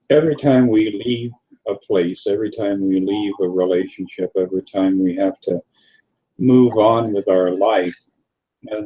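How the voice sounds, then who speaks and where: A man with a low, dark voice and a slightly husky edge talks through a film review. He speaks in an unhurried, reflective way, pausing often as he gathers his thoughts, like a co-host in a casual discussion. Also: poor audio. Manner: unhurried and reflective, with frequent pauses.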